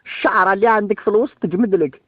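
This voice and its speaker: An Algerian man with a high voice talks fast over a landline phone, the sound thin and narrow. He is crude and argumentative, bantering heatedly and peppering everything with swearing. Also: no echo. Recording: thin, band-limited landline phone call.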